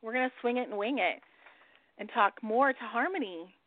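A woman's voice: fairly high pitch, lively intonation, moderate pace. A woman hosting a radio show in casual chat, who swears freely and laughs often. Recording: dry, phone-like line.

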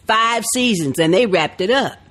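A woman's voice: medium pitch, animated, moderate pace, fairly bright tone. A woman co-hosting a casual podcast, agreeing emphatically and swearing often. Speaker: podcast co-host. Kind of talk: casual chat.

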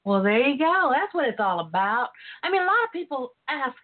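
A woman's voice: sits high, sing-song, brisk. Southern woman hosting over a tinny phone line. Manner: folksy, chatty, playful. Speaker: talk show host. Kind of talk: casual, candid radio talk.

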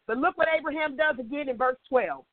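An older woman leading an informal Bible study, a chatty, animated storyteller who acts out dialogue and keeps checking in with her listeners. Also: sits high, a little fast, dry recording. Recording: tinny phone-line audio, dry.

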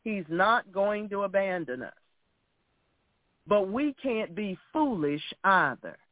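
A man delivers an exhorting sermon in a notably high voice. He takes his time, stressing and repeating phrases as he admonishes his listeners. The sound is thin and narrow, like a phone line. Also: animated, no echo. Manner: emphatic, deliberate, repeats phrases. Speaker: preacher. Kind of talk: sermon with scripture readings.

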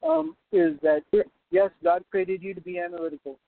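Man preaching over a buzzy, glitchy phone call, high and lively voice, gravelly edges, tinny line breaking up. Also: moderate pace, slight background noise. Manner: fervent, exhorting, addresses the listener directly. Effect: buzzy, glitchy phone line that keeps breaking up. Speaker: caller. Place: driving through the hills.

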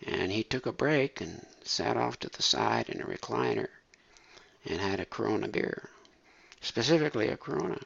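A man telling a true story in an unhurried, animated, folksy way. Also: mid-range voice, gravelly, slightly rough. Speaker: storyteller recounting a true case. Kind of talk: spoken storytelling. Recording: dull lo-fi recording.

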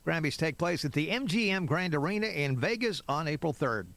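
A man with a somewhat high-pitched voice reads radio news. The delivery is a scripted bulletin, item after item. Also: animated, a little fast, vocal fry, fairly bright tone, dry recording.

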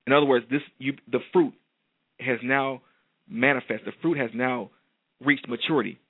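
A man's voice: mid-range voice, slightly rough, dry recording, narrow, tinny audio. A man giving motivational, preacher-like speech, emphatic and repeating his phrases like a refrain. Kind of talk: motivational speech turning into prayer.

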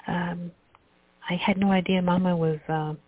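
A woman calling in to a radio show over a phone line, polite and gently hesitant, about to share a poem. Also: lowish voice, level tone, a little slow. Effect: heard over a phone line into a radio show. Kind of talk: call-in chat, reading a poem.

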